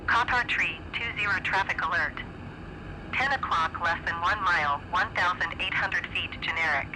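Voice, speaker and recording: A woman's voice: lowish voice, moderate pace, natural voice. A woman playing a businesslike air traffic controller, making clipped radio calls in a flight game. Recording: noisy radio with aircraft sound.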